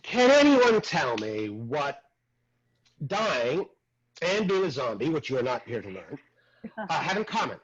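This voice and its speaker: An actor playing a brash, crude acting teacher in a comic stage monologue. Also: male voice, on the high side, a little slow, long pauses, husky, dull audio, exaggerated voice. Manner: crude, animated, swings between mutter and loud outbursts. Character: brash crude male acting teacher, former dead extra.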